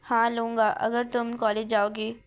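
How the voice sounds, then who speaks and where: Woman reading as a calm, assured young man. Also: a little high, unhurried, clean tone, natural voice. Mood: confident. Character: young male doctor, calm confident brother.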